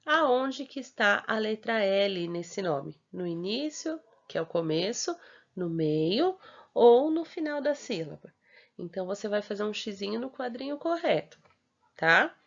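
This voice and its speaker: A woman teacher with a Brazilian Portuguese accent explains a worksheet at a patient, deliberate pace. Her voice sits in a middle pitch, and she slows right down to stretch out syllables. The recording is dull and lo-fi. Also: very animated, vocal fry. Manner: patient, spells out syllables slowly, frequent checking tags.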